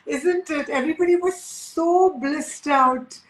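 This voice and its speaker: A woman's voice: high voice, takes it slowly. An Indian-accented woman speaking enthusiastically in a spiritual talk, repeating key phrases for emphasis. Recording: echoey room.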